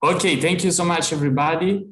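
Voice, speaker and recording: A man's voice: on the high side, fast, fairly bright tone, reverberant, rough recording. A man speaking on an online panel, presenting in a friendly, self-deprecating way. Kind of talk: casual presentation. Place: video call.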